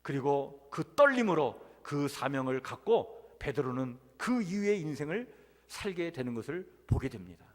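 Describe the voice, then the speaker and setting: Male pastor, high voice, earnest sermon delivery that builds on key words, reverberant church hall. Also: sing-song, moderate pace. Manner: earnest preaching, swelling on key words, addresses the congregation. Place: church sanctuary.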